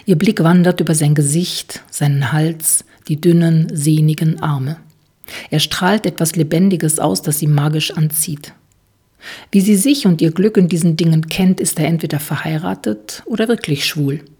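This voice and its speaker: A woman narrating an audiobook in calm, measured scripted narration, with a breathy, husky voice. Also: deep voice.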